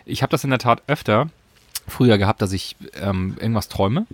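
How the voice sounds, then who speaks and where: A man co-hosting a casual podcast, talking in a relaxed, hesitant way. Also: fairly low pitch, fairly quick, no room sound. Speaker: podcast co-host.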